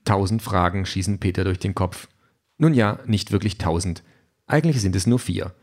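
A man's voice: low voice, normal speed, a little mellow. A man reading an audiobook chapter aloud in a dry, wry storytelling manner. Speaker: audiobook narrator. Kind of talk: scripted narration.

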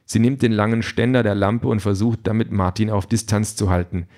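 A man narrating an audiobook in a dry, even storytelling manner. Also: lowish voice, brisk.

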